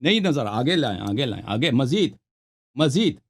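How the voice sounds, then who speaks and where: A man's voice: medium pitch, sing-song, husky. A man hosting a heated call-in debate, insistent and repeating his demands while talking over the caller. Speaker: host.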